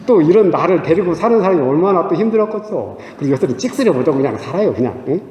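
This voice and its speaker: A man's voice: on the high side, big pitch swings, fast, a little mellow, a little hiss or hum. A man in his sixties, a religious brother, giving a Lenten talk in a conversational way. He keeps asking "eh?", chuckles, and acts out his own inner talk. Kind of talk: conversational church lecture. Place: church hall. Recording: echoey church hall with long reverb.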